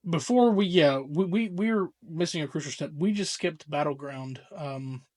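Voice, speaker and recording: A young man co-hosting a casual podcast, rambling excitably and swearing freely as he talks. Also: on the high side, normal speed, no echo, studio quality. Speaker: podcast co-host. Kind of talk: casual chat.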